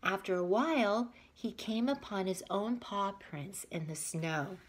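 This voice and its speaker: A woman teacher reads a children's picture book with expression, interrupting herself to ask her young listeners questions. Her voice is medium in pitch, and the poor recording carries a slight hiss or hum.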